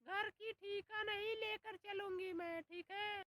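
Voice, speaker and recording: Brash young bride voiced by a woman, high, flat delivery, slow and cutting. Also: a little hiss or hum, exaggerated voice. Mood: defiant. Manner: brash, threatening, ends lines with "theek hai?". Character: sharp-tongued young daughter-in-law, defiant and boastful.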